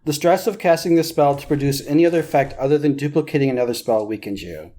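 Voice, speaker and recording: Guy player, kinda high voice, talks thru the rules out loud, bit of noise. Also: fast. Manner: explains rules, thinks aloud. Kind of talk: casual tabletop chat.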